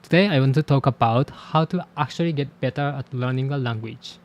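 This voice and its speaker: Through a muffled recording comes a mid-range male voice: a language teacher and channel host whose native tongue is Japanese. He talks to camera about learning languages in a reflective, candid, measured manner, often poking fun at himself.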